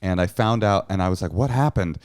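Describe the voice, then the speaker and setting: A man's voice: deep voice, steady tone, fast talker, clear, resonant tone, dry recording, studio quality. A man co-hosting a podcast, telling stories casually with wry comedy and acted-out quotes. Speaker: podcast co-host. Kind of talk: casual comedic storytelling and banter.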